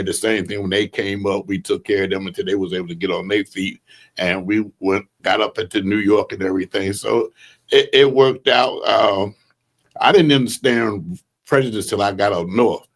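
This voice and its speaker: Older man with a low voice, reminiscing. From Southern United States. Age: 70s. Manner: storytelling, unhurried, chuckles now and then. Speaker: guest. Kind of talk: reminiscing interview talk.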